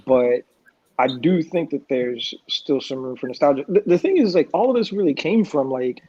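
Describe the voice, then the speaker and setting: A man's voice: fairly high pitch, normal speed, slightly rough. Guest panelist, male, laid-back and reflective, restarts his sentences; dull stream audio. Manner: relaxed, thoughtful, repeats words when starting thoughts. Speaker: guest comics creator. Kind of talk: casual panel chat.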